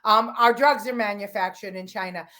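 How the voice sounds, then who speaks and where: A woman's voice: medium pitch, steady tone, moderate pace, bright, forceful tone. A woman co-hosting a political talk show, talking in an emphatic, opinionated way with frequent restarts. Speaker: podcast host.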